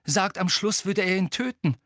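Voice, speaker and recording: Dude doing a panicky teen boy yelling at his friends, urgent. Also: high-pitched, animated, normal speed, no echo, studio quality, pitched above the performer's own voice. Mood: desperate. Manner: urgent, loud outbursts. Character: frantic teenage boy wizard, desperate and shouting.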